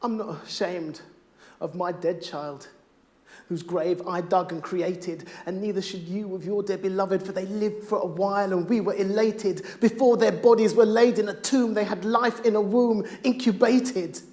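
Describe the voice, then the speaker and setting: A middle-aged father speaking on stage, performing spoken word poetry with a rhythmic, rhymed delivery that swings from hushed to loud. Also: sits high, fairly even intonation, moderate pace.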